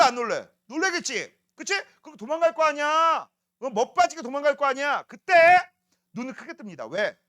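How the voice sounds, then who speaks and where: A man's voice: extremely high pitch, bright, forceful tone. A man teaching a middle school science class, joking and teasing students and constantly asking if they follow. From South Korea.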